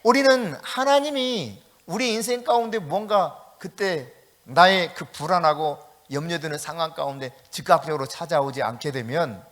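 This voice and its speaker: A male pastor preaching a sermon, swinging from loud outbursts to hushed, quiet lines. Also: on the high side, normal speed. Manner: dramatic swings from shouting to hushed.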